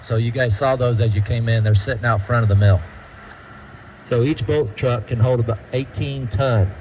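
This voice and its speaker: Man, mellow, easygoing guide, faint outdoor hiss. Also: medium pitch, normal speed, rough recording. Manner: folksy, quizzes the crowd. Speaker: tour guide at a feed mill. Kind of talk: guided tour talk to a group.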